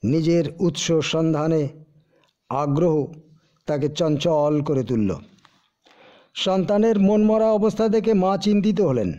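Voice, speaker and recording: A man telling a devotional story in a measured, gentle and emotive way. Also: a little high, animated. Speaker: spiritual storyteller. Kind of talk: slow devotional story narration. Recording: dull lo-fi recording.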